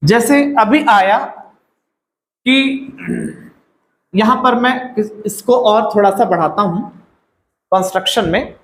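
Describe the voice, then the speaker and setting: A man's voice: high voice, slow, long pauses, a bit bright, echoey room, low-quality recording. A man with an Indian accent teaching English grammar, explaining step by step and repeating words and phrases. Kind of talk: classroom-style grammar lesson.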